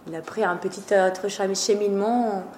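A woman's voice: medium pitch, fairly even intonation, moderate pace, a little mellow. Woman, roomy sound. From northeast Italy. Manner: hesitant, many fillers, laughs often. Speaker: guest, café co-owner. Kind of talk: casual interview chat. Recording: roomy sound with faint noise.

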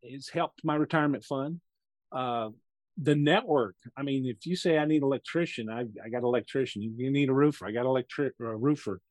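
A man's voice: mid-range voice, a little fast, a little mellow, no echo. Chatty older man telling stories. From United States. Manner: rambling storyteller who acts out other people's lines. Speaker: podcast guest, real estate investor. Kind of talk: casual interview chat.

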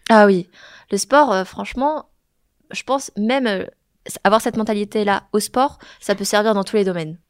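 A young woman chatting casually as a guest, relaxed and talkative, often laughing. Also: medium pitch, normal speed, clear, resonant tone. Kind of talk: casual chat.

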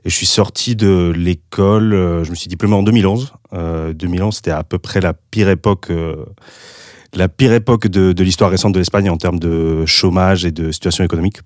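Low-pitched and fairly quick, with fairly even intonation, a Spanish guest in his thirties talks about his career in French, his second language, carrying a light accent. The casual interview is full of fillers and restarts, and the studio-quality recording has no echo.

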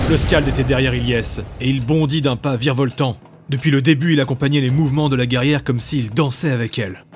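A man narrates a fantasy adventure in a measured, dramatic storyteller's manner. His voice sits at a middle pitch, and clear music plays behind his narration. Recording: background music.

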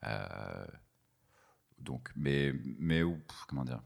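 A stand-up comedian chats casually in an interview, his very deep, creaky voice moving slowly but with lively intonation. He's slangy and laid-back, rambling as he goes.

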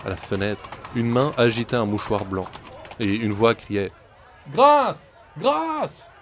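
Low-voiced man telling folk tales. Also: fairly even intonation. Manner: measured storytelling, voicing characters in quotes. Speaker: storyteller. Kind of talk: scripted narration of folk tales.

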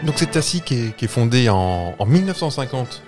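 A man's voice: medium pitch, sing-song, fairly quick, over music. A man with a French accent co-hosting a casual podcast, explaining facts with many fillers and restarts. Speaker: podcast co-host. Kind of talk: casual chat.

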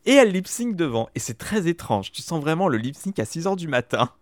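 A man's voice: a little high, big pitch swings, fairly quick, dry recording, clean studio sound. A man chatting casually as a podcast co-host, telling stories at length with lots of fillers and repeats. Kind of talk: casual chat recapping TV shows.

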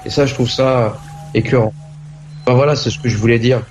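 A man's voice: mid-range voice, steady tone, brisk, darkish tone. A man hosting a live talk show, speaking earnestly and hesitantly as he thinks aloud, with faint music behind. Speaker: host. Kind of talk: casual live discussion.

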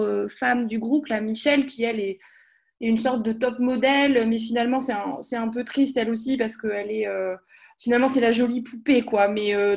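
High-pitched woman, hesitant phrasing. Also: a little mellow. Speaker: podcast contributor. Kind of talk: casual book review.

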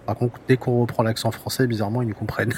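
A man's voice: mid-range voice, level tone, fast talker, a little mellow, a little hiss or hum. A man interviewing a guest in a casual chat, hesitant and encouraging, with many fillers.

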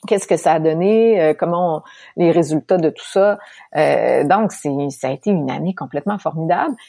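Woman, Québécois accent, interview guest, animated storyteller, fairly low pitch, dry recording. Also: normal speed, vocal fry, no echo. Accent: Québécois French. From Quebec, Canada. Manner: animated, laughs often while telling stories.

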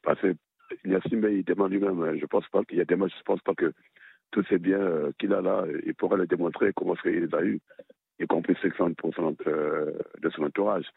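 Very deep, gravelly man leaving a phone voicemail. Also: steady tone, no echo. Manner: hesitant, many filler pauses. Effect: voicemail message left on a radio answering machine, over a phone line. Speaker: listener caller. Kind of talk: opinion message left on a radio answering machine. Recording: dry, tinny phone line.

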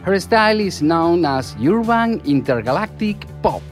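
A man's voice: high voice, sing-song, a little slow. A man presenting music in scripted narration.

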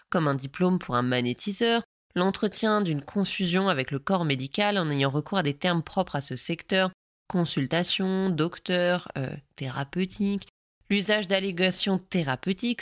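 A woman's voice: lowish voice, no echo, clean studio sound. A woman hosting a podcast, sarcastic and a little tired, commenting casually and reading aloud while translating. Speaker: podcast host.

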